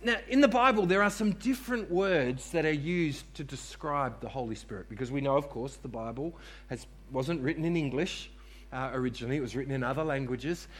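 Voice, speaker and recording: A man's voice: mid-range voice, brisk. A man preaching a sermon to a congregation in church, repeating key phrases for emphasis and calling on listeners to respond. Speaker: pastor.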